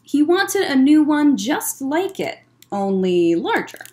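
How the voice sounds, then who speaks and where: Reading to children in a bookshelf-lined library room, a young adult woman takes things slowly in a high-pitched, sing-song voice with a darkish tone. She explains simply as she talks and reads, picked up by a laptop or webcam mic at desk distance.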